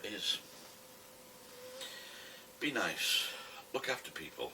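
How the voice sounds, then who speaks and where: A British man with a smoker's rasp, rambling casually to camera in a wry, self-deprecating way. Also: sits low, big pitch swings, slow pace. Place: a room at home, alone. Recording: distant camera mic with faint noise.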